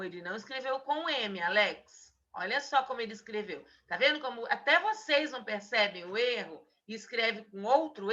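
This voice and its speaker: A woman teacher giving a remote spelling lesson to children on a video call, slowly stretching out each word she dictates. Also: fairly high pitch, a bit bright. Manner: patient, drawn-out dictation of single words. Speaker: primary school teacher. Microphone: video call mic. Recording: dull lo-fi video call audio.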